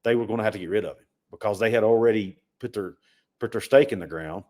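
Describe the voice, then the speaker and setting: A lower-pitched man co-hosts a livestream sports chat. He talks casually and stumbles over repeated words when he presses a point. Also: quick pace, dark tone. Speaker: sports podcast co-host.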